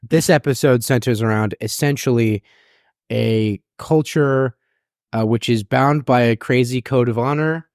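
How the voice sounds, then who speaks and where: A man's voice: mid-range voice, unhurried, a little mellow, no echo, studio quality. A man hosting a casual recap podcast, talking in a blunt, irreverent way and swearing freely. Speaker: podcast host.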